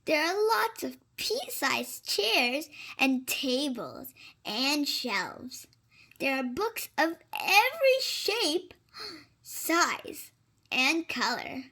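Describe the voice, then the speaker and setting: Someone with a very high-pitched voice reads a children's storybook aloud, going slowly and carefully. The reading is animated and expressive, has a creaky edge, and includes little asides to the young listeners.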